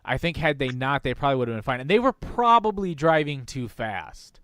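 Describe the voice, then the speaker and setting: Man, casual podcast co-host, hedging and slangy, mid pitch, smooth tone. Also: expressive, fairly quick, a bit bright, dry recording, studio quality. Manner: laid-back, hedging, slangy. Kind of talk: casual chat.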